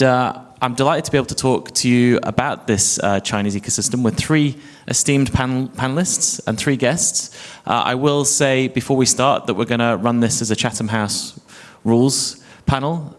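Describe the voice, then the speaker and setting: A man's voice: medium pitch, fairly even intonation, moderate pace, hardly any pauses. A man moderating a conference panel, introducing guests in a friendly way with frequent fillers.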